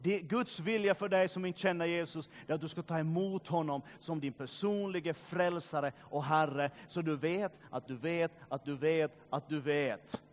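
A man preaching a sermon, swinging between loud urging and quiet, grave passages, with joking asides to the congregation. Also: on the high side, hardly any pauses, a little hiss or hum. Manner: joking asides, addresses listeners directly. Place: church meeting.

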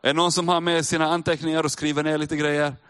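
Male preacher, fairly high voice, chatty sermon delivery that builds in emphasis. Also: little pitch movement, fairly bright tone, clean tone. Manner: conversational, addresses listeners directly, rises in emphasis. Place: church with a live audience.

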